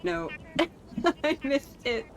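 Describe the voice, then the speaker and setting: A woman's voice: high-pitched, big pitch swings, extremely slow, a little hiss or hum. A woman in her twenties streaming casually, who has dropped her phone and is fumbling to reach it with her foot while narrating her attempts. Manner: distracted, self-narrating between laughs. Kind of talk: casual live-stream chat.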